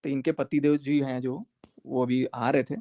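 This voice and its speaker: A man's voice: medium pitch, level tone, normal speed, warm tone, highs cut off. A man speaking on a live stream to his viewers, emphatic and confrontational, repeating his points for force. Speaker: social media creator.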